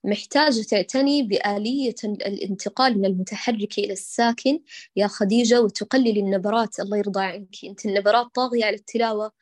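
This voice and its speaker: A woman teaching Quran recitation to a student, patiently correcting her and stretching out sounds slowly to show how they should be said. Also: mid-range voice, fairly even intonation, dry recording. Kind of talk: one-on-one recitation coaching.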